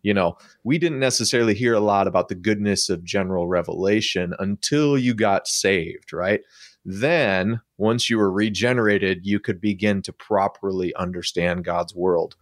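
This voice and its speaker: A man talking through ideas in a relaxed, thoughtful way, using frequent fillers. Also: sits low, moderate pace, no room sound, studio quality. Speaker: podcast guest. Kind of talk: casual conversational discussion.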